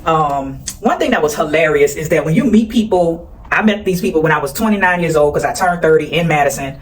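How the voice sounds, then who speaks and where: Talking to camera in a relaxed vlog, a woman in her forties is chatty and straightforward, addressing viewers as y'all. She speaks fairly quickly in a low, expressive, slightly rough voice.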